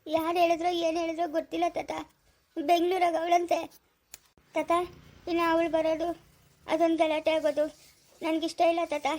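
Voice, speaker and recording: A woman's voice: extremely high pitch, completely flat delivery, normal speed, pauses often, darkish tone. A woman playing a tearful, betrayed young wife who pleads with her grandfather in a family drama skit. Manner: pleading, repeats "tata". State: crying.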